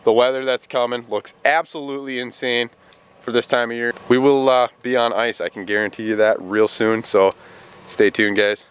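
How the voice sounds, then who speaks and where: A man in his thirties, an excitable fishing vlogger, talking casually outdoors by a lake and in a small boat into a handheld camera. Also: medium pitch, normal speed, smooth. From Minnesota. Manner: excitable, hyped-up fishing talk. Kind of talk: casual outdoor vlog talk. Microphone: camera mic, handheld at arm's length then on a mount. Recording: outdoor camera audio with music behind. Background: music.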